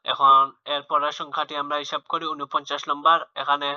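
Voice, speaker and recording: A man's voice: a little high, level tone, a little fast, dry recording. A man teaching young children a maths lesson, explaining patiently and repeating himself, with fillers and restarts. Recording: dull lo-fi home recording.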